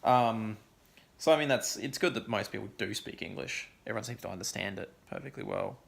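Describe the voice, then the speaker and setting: Low, gravelly man rambling casually. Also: a little fast. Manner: rambling, many ums and likes. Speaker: vlogger. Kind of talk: casual chat vlog.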